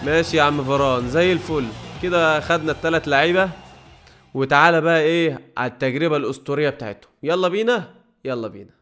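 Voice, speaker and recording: A man's voice: fairly high pitch, fast talker, a bit bright, faint music behind. A man with an Egyptian Arabic accent giving chatty gameplay commentary, talking to the game and his viewers as he groans at misses and cheers at wins. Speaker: gaming YouTuber.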